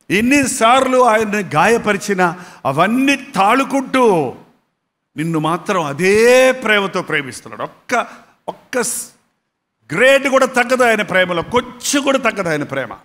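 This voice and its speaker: A male pastor delivering an emotional sermon in a high voice. He tells the story dramatically, his loudness rising and falling sharply, and his words ring out in a hall with a long echo. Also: big pitch swings, measured pace. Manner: dramatic, emotional preaching with big swings in loudness.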